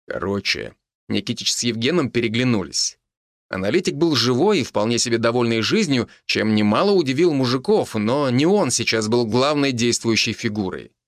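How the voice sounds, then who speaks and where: A male narrator reading a novel aloud in a steady, even storytelling manner. His voice sits at a middle pitch and the recording is dry and close, with no room sound. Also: moderate pace, no room sound. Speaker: audiobook reader. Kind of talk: audiobook narration.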